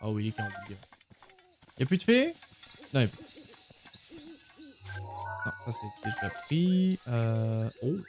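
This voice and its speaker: Un homme qui commente sa partie de jeu vidéo de façon décontractée, joueuse et pleine d'exclamations. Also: male voice, on the low side, sing-song, unhurried, pauses often, music in the background. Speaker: video game streamer. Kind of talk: casual gameplay commentary.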